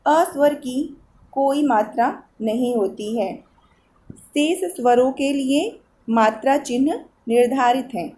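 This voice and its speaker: A woman's voice: high-pitched, takes it slowly, a little mellow, a little hiss or hum. A woman teacher explaining a Hindi grammar lesson to children, patiently asking questions as she goes. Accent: Eastern Uttar Pradesh Hindi. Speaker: school teacher.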